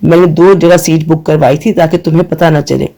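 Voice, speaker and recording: A man's voice: fairly high pitch, fairly even intonation, creaky, dark tone. A man voicing a tired middle-aged father who pleads firmly. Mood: weary.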